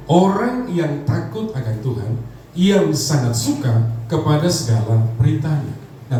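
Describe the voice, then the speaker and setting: An Indonesian pastor in his fifties, with a fairly high, warm voice, preaches a humorous sermon and calls on the congregation to answer him. The recording comes from a large, echoey church hall, picked up on a distant mic with background noise.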